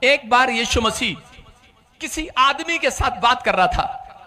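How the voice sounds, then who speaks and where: Male preacher, very high and bright, animated sermon, shouts then hushes. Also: takes it slowly. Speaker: pastor.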